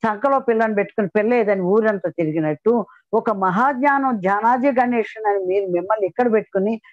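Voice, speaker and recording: A woman's voice: mid-range voice, a little fast, no room sound, dull audio. A woman sharing her meditation experiences as a story, with frequent fillers and restarts. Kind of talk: personal spiritual testimony.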